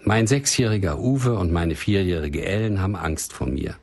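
A man reading out the lines of a desperate, remorseful father in a spoken story, in a low husky voice. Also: lively intonation, normal speed, a little mellow, exaggerated voice. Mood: despairing. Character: desperate middle-aged father, remorseful and helpless.

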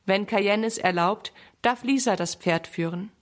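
A woman's voice: mid-range voice, measured pace, natural voice. A woman reading a kind, firm mother.

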